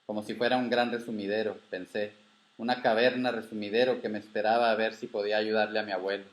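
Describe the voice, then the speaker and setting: A man, the author reading his own story aloud in calm, steady first-person narration. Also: on the low side, fast talker, reverberant.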